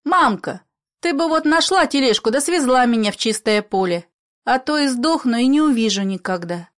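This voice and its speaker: A woman's voice: on the high side, lively intonation, normal speed, fairly bright tone, pitched above the performer's own voice. A woman voicing a dreamy, curious little bedridden boy who asks eager childish questions. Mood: plaintive.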